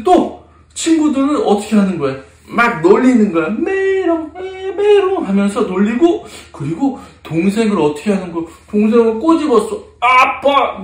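A man with a high-pitched voice leads a Sunday school lesson for toddlers. He talks in an animated, sing-song way and keeps asking the children questions. The sound is roomy and echoey, with the mic set some distance away. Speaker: children's pastor. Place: church classroom.

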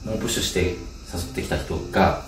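A young man telling stories from his school days in casual chat, animated, laughing often and acting out the people he quotes. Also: deep voice, fast talker, recorded from a distance, noisy background. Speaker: channel host telling life stories. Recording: roomy, off-mic with music behind.

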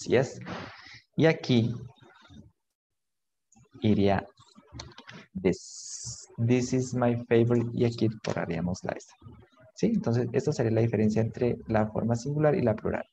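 Slow, gravelly-voiced male teacher. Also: mid-range voice, warm tone, a little hiss or hum, poor audio. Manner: slow, patient, repeats words and translates between English and Spanish. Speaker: English teacher. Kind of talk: online English grammar lesson.

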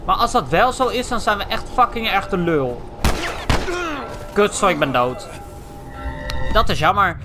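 A young man from the Netherlands giving excitable, foul-mouthed let's play commentary, tossing in English slang. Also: high-pitched, normal speed, long pauses, music in the background. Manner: excitable, swears a lot, drops English slang. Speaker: gaming channel host.

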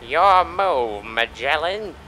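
There's slight background noise as an animated man with a fairly high voice talks slowly over his video game playthrough. His rambling commentary is laced with swearing and theatrical hamming, punctuated by mock shouting.

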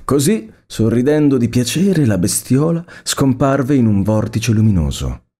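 A man narrating a story aloud in a measured, expressive reading. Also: mid-range voice.

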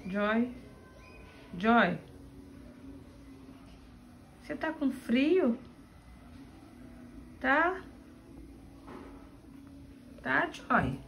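A woman's voice: sits high, sing-song, very slow, creaky, long pauses, fairly bright tone, slight background noise. A woman who owns the dogs, talking to her pets in coaxing baby talk in a casual home video. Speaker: dog owner.

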